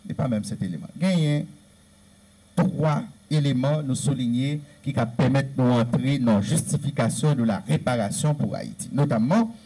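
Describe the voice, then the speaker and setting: A man's voice: medium pitch, warm tone, rough recording. A man with a Haitian Creole accent giving an earnest lecture-style talk, stressing his points through repeated lists. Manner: earnest, repetitive, emphatic listing. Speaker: speaker on Haitian history.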